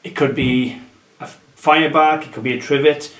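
A man's voice: on the high side, fairly even intonation, normal speed, fairly bright tone. A Welsh man in his thirties, an antiques dealer, chatting casually at home about his market buys and sprinkling "um" and "guys" through his tips. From Wales. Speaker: antiques dealer and channel host. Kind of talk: casual show-and-tell vlog. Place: dining room at home, indoors.

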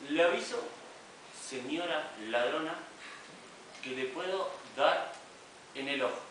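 A man's voice: fairly high pitch, slow pace. A young man with a Rioplatense Spanish accent, playing a cop in an amateur student skit, giving dry, mock-formal warnings. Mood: stern. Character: wry male cop warning a robber. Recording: echoey room, far camera mic, loud noise.

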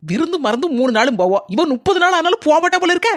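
A high-voiced, scheming young daughter-in-law, played by a woman in a cartoon, with a Kanyakumari Tamil accent. She complains and schemes in a dry, close-miked voice. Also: very animated, rapid-fire, no room sound. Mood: grumbling. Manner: complaining, sly, dramatic. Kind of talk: cartoon voice acting.

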